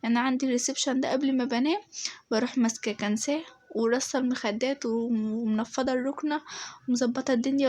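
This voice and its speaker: With a high-pitched, darkish voice that sounds a little altered, an Egyptian home vlogger talks viewers through her daily routine at home. She chats casually, leaning on fillers and frequently checking in with her audience.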